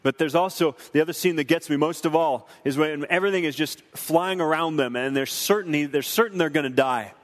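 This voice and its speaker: Man, young adult, earnest preacherly film commentary, slightly raised pitch, echoing hall. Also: brisk, few pauses. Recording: long hall reverb.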